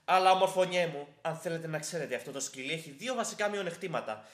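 A man's voice: a little high, reverberant, lightly acted. An actor playing an older landowner father who bickers and trades insults, in a stage play. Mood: scornful. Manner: gruff, bickering, quick to insult. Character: blustering old father, landowner.

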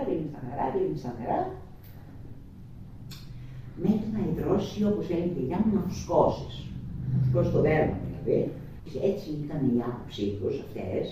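An older woman with a low, dark voice tells old memories in a rambling way, repeating herself and trailing off. Her pitch swings widely. She is heard from across a very echoey room, with faint noise behind her. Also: distant mic. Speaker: interviewee. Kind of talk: reminiscing storytelling.

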